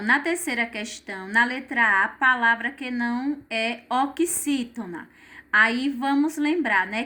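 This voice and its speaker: A woman's voice: high-pitched, sharp tone. A woman teacher, patiently walking children through textbook exercises step by step. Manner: slow, patient, step-by-step, frequent "certo?".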